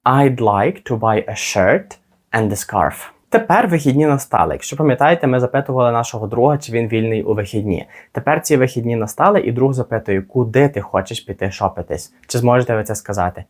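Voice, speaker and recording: A man teaching a spoken English lesson, modelling phrases slowly and carefully for listeners to repeat. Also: medium pitch, lively intonation.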